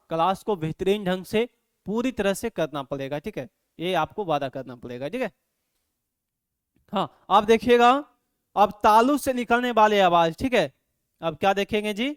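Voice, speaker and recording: A man teaching an online grammar lesson, asking his students questions over and over and loudly sounding out syllables for them to repeat. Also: high voice, expressive, moderate pace, clean tone, no echo, studio quality. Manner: repeats "ठीक है" and quizzes students constantly; drills syllables aloud, louder on examples. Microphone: microphone.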